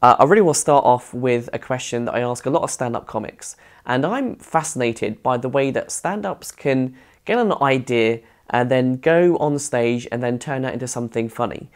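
A man's voice: medium pitch, lively intonation, moderate pace. A young man conducts an interview. He puts his questions casually and in a friendly, conversational style. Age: young adult. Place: theatre dressing room, indoors. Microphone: lapel mic.

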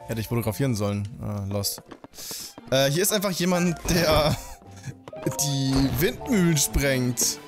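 Animated man commenting on gameplay. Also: medium pitch, unhurried. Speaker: let's play host. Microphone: desk microphone close to the mouth. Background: game music.

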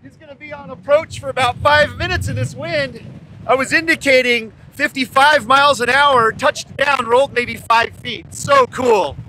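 A man recording himself on a handheld phone video outdoors, excitable and shivering from the cold, often exclaiming and laughing. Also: extremely high pitch, normal speed, low-quality recording. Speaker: vlog host and pilot. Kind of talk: excited outdoor vlog narration. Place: outdoors on an open beach in high wind. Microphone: phone camera mic held in hand. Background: strong wind noise.

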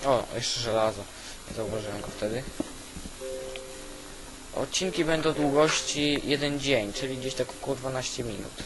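A man giving casual, halting gameplay commentary, thinking aloud as host on an old weak microphone. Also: mid-range voice, music in the background, poor audio. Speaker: gaming video host. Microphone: old cheap weak microphone. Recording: constant hiss from weak microphone.

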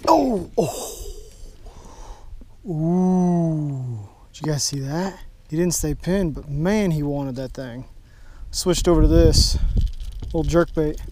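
A young man with a fairly high voice narrates his fishing trip, chatting straight to viewers from his kayak on an open lake. He gets excited and quick whenever a fish bites. The sound comes from a head-mounted action camera, with a faint hiss of wind and water behind him. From Texas. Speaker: fishing vlogger. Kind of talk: casual first-person fishing commentary.

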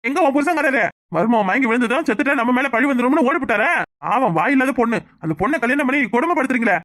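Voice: high-pitched, racing, no room sound, clean studio sound. Someone doing a panicky meddling village brother-in-law. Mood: accusing. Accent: Tirunelveli Tamil. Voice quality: excitable, loud, nagging. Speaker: voice actor for a family cartoon. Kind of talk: Tamil village family drama cartoon voicing.

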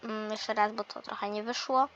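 A woman's voice: medium pitch, fairly even intonation, moderate pace, fairly bright tone, dull audio, a little hiss or hum, lightly acted. A woman voicing a patient young male math teacher in a toy role-play lesson, explaining step by step with mild teasing.

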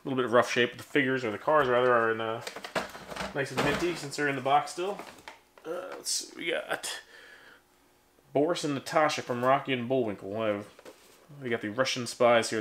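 A man's voice: medium pitch, brisk, a bit bright. Rambling man chatting over old toys. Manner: rambling, self-deprecating, lots of ums. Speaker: toy collector vlogger. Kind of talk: casual unboxing chat. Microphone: handheld camera, then on a tripod. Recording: faint background noise.

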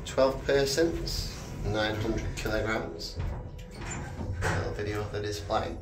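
A man filming in a small hotel lift on a handheld phone, gently and patiently explaining things to a child. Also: on the low side, measured pace, music in the background, poor audio. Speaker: vlogger filming lifts. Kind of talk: casual commentary to a child. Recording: steady background noise.

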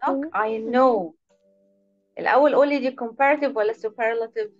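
Woman, Egyptian Arabic accent, online teacher, patient and encouraging, fairly high voice, dull lo-fi sound. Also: unhurried, soft background music. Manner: patient, encouraging, praises each pupil by name. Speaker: English teacher. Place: online video lesson.

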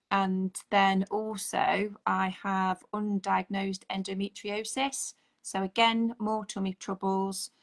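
A woman's voice: medium pitch, vocal fry. A woman in her forties, a holistic therapist, chatting earnestly as a guest on a video call. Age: 40s. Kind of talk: casual video-call chat. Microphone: video call, audio only.

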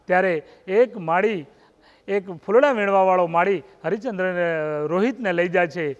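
A man's voice: high-pitched, moderate pace. A man with a Gujarati accent telling a devotional story as a sermon, dramatically voicing the characters' lines. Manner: dramatic, quoting characters in raised voice. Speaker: storyteller preacher. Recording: muffled, echoey hall.

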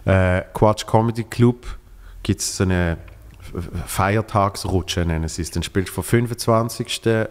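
A man with a Swiss German accent, a comedian guest in casual chat, telling lively anecdotes and acting out the voices of the people in them. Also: on the low side, unhurried, smooth, long reverb tail. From Switzerland. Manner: lively storyteller, acts out quoted voices.

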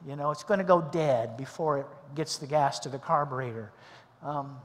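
A middle-aged pastor delivers a storytelling sermon, voicing the people in his story with animated flair. His voice sits high for a man, and the sound hangs in a long reverb through the church hall. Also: normal speed. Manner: animated storyteller, acting out quoted dialogue. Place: church sanctuary.

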